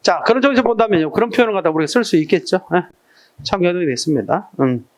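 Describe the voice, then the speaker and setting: A man with a high voice teaches a live classroom lesson. He fires short questions at his students and clears an irritated throat now and then. His delivery is casual and direct. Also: expressive, fast. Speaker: exam prep teacher. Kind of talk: classroom lecture.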